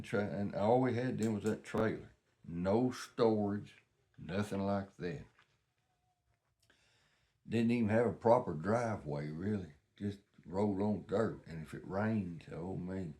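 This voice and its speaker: Older male, Southern US accent, lowish pitch, casual folksy storyteller, unpolished and rambling. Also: a little mellow. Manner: folksy, plain-spoken reminiscing. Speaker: vlogger.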